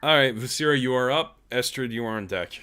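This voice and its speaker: Bright, forceful male game master. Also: medium pitch, fairly quick, clear, resonant tone. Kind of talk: casual tabletop game narration.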